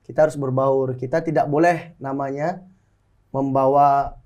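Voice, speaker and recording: A man's voice: mid-range voice, steady tone, normal speed, a little mellow, dull audio. A man in his twenties from Bali, a soldier and martial arts athlete, answering interview questions earnestly and often addressing the host politely. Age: 20s. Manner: earnest, often adds "Kak" to phrases. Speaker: soldier and pencak silat athlete.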